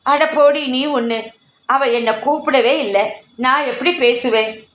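Touchy lonely old granny, whiny and slow, woman putting her on, echoey room. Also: high-pitched, fairly bright tone. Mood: plaintive. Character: older grandmother, lonely and touchy.

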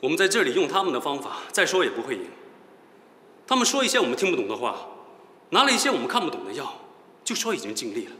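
A combative widower in a TV drama, quick and sharp-tongued, with a high voice that swings widely as he spars with the doctors. The voice rings in an echoey hall with ambient noise. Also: wildly swooping pitch, full character voice. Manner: sarcastic, confrontational. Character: combative widower suspicious of the hospital.

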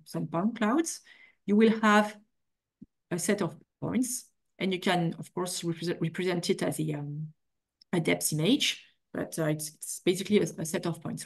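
Middle-aged woman, academic lecturer on webcam, lowish voice, hesitant with many ums and restarts. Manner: halting, many fillers and restarts. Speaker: keynote speaker. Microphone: video call webcam.

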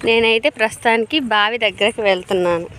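A woman's voice: on the high side, fast talker, fairly bright tone. A woman vlogging on her farm, chatting straight to her viewers as she walks the fields. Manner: chatty, addresses viewers directly. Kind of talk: casual vlog narration. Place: outdoors on a farm field by a well. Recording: clear outdoor noise.

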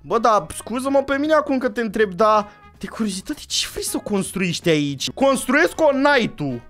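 A man hosting a Minecraft role-play video, talking in an excitable, jokey way and often yelling. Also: high-pitched, faint music behind. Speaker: gaming channel host.

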